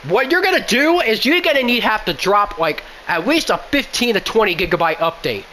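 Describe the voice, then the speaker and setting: A man's voice: high voice, big pitch swings, brisk, sharp tone, a little hiss or hum, low-quality recording. A man complaining at length about a buggy video game, exasperated and repeating himself as he pleads for fixes. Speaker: gaming YouTuber. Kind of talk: frustrated game rant.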